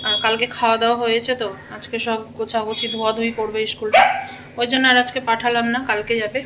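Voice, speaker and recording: A vlogger chats casually and homely while cooking in her kitchen, talking fast in a slightly high, steady voice. The recording is very noisy.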